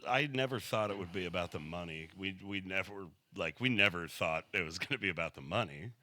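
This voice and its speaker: A rock songwriter chatting on a podcast in a home-built studio, his voice low-pitched yet bright. He tells stories with plenty of swearing and a wry edge. The sound is dry and close. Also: expressive, a little fast, no echo. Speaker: songwriter and guitarist in a rock band. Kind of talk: casual podcast chat.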